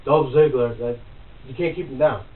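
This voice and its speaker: A man's voice: medium pitch, moderate pace. Male host, casual podcast talk, fired-up and profane; far from the mic in an echoey room, tinny sound. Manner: animated, swears freely, gets loud when worked up. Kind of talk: casual wrestling chat. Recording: roomy, distant, phone-like, faint noise.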